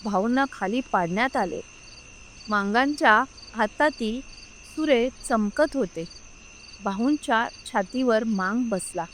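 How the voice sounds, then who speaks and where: A woman narrating a scripted story in a slow, measured, solemn reading. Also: fairly high pitch, expressive, fairly bright tone, slight background noise.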